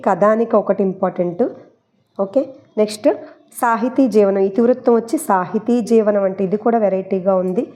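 A woman's voice: mid-range voice, a little mellow. A woman teaching exam prep, chatting her way through memory tricks, repeating key points and mixing in English words. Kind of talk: explaining memory tricks for a Telugu syllabus.

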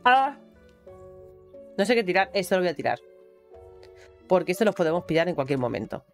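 A woman's voice: fairly low pitch, expressive, fast. A woman with a Spain Spanish accent giving casual gameplay commentary, chatty and exclamatory and swearing casually. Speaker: gaming streamer. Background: faint game music.

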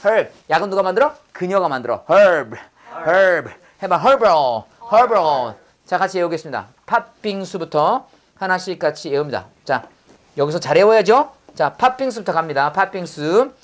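A woman's voice: fairly low pitch, sing-song, normal speed. A woman teaching English vocabulary in a classroom drill lecture. She repeats each word, prompts the class to echo it, and slips in corny puns. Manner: drops in corny pun jokes.

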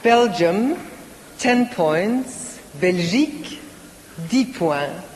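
Slow, measured woman contest presenter. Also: mid-range voice, expressive, a little mellow, a little hiss or hum. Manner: repeats each score in English then French, measured. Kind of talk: live broadcast presenting. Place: large concert hall. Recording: live broadcast from a concert hall with audience.

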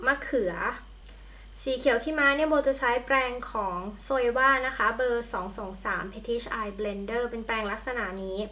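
Young female beauty vlogger, slightly high voice, chatty and friendly, casual at-home tutorial talk. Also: measured pace, pushed and bright. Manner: chatty, friendly, talks while applying makeup. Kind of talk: casual makeup tutorial chat. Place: at home by a window in natural light. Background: passing trains.

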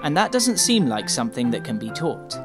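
A man's voice: on the high side, sing-song, normal speed. A man reading scripted narration for a feature report as its reporter. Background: music.

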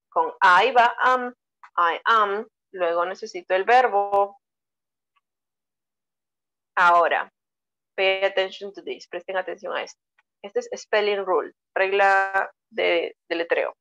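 A woman's voice: mid-range voice, slow, long pauses, pushed and bright, muffled recording. A woman with a Peruvian Spanish accent teaching English online, explaining grammar step by step and praising her students. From Peru. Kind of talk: bilingual online English lesson.

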